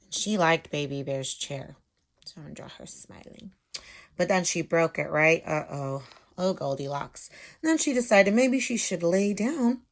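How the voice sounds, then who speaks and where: A woman teacher with a deep, lively voice talks at a normal pace, explaining things simply to young children. She chats casually while she draws and slips in little check-in questions.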